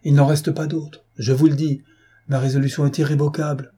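A man's voice: on the high side, flat delivery, brisk, warm tone, slightly rough, voice pushed up. A man reading aloud and voicing a grave young woman who speaks with firm, solemn resolve. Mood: resolute.

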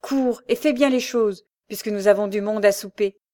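A woman's voice: mid-range voice, moderate pace, close to an everyday voice. Woman reading as a tender poor mother. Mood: hopeful. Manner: gentle, earnest. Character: poor young mother, tender and devout wife. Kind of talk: audiobook character voice.

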